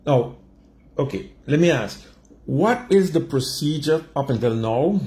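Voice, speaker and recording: A man's voice: a little high, lively intonation, measured pace, dark tone, echoey room. A man with a Caribbean accent hosting an unscripted sports radio interview, pressing with questions that he rephrases and repeats. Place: small radio studio, indoors. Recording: studio with faint background noise.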